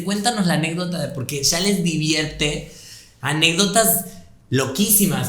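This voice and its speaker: An Argentine man in a relaxed interview, his accent worn down by years away. He tells his anecdotes with animation and easy laughter. The voice sounds bright, and the room gives it a noticeable echo. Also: on the high side. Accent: Argentine Spanish softened by Yucatán. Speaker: guest. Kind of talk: casual interview chat.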